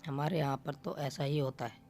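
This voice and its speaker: Young husband in a storybook dodging the fight, narrator doing him, flat voice, faint music. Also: male voice, mid-range voice, moderate pace, creaky, close to an everyday voice. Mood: dismissive. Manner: dismissive.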